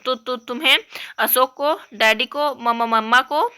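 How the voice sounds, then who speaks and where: A woman's voice: high voice, a little slow, bright, forceful tone, clean tone. A woman voicing a sulky young girl who stammers through her tears. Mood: tearful. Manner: tearful, stammering.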